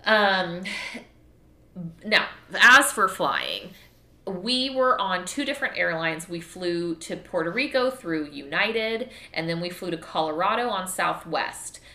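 A woman's voice: lowish voice, sing-song, takes it slowly, pushed and bright. A young adult woman from Texas chatting frankly and casually to viewers, swearing freely and rambling as she goes. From Texas, USA. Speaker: vlogger. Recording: echoey room.

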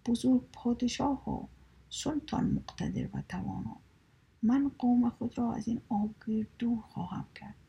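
A woman voicing a large male elephant chief who pleads in a weak, hushed voice. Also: on the high side, sing-song, gravelly, breathy edge, muffled recording, heavily acted. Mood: pleading, fearful.

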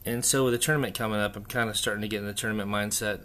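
A man hosting a casual, unscripted solo hobby chat, thinking aloud haltingly in an echoey, stripped-out bunker room. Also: on the low side, fairly even intonation, a bit bright, a little hiss or hum. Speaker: podcast host. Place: echoey indoor room under renovation, torn-out walls.

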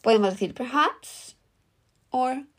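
A woman's voice: high-pitched, slow pace. Upbeat Spanish woman teaching English. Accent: Peninsular Spanish. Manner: upbeat, explanatory, drops in English example words. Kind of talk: language lesson.

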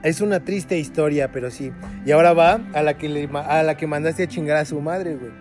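Young mexican guy, slangy storytelling with friends, kinda high voice, music going behind. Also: a little fast, darkish tone. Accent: Mexican Spanish. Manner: slangy storytelling, heavy filler words. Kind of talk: casual chat among friends. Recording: music playing in the background.

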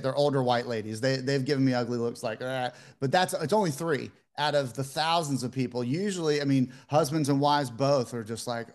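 A man in his fifties talks as a podcast guest, relaxed and rambling, with plenty of "you know"s. His voice is mid-pitched for a man. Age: 50s. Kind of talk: casual interview storytelling.

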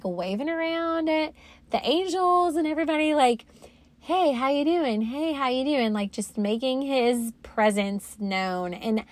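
A woman in her thirties talks through a personal faith podcast monologue. Her voice sits at an ordinary middle pitch. She speaks haltingly and reflectively, with plenty of ums and restarts. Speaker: podcast host.

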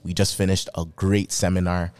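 Upbeat low-pitched male podcast host. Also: little pitch movement, moderate pace, a little mellow, smooth. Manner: upbeat, encouraging. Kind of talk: casual podcast interview chat.

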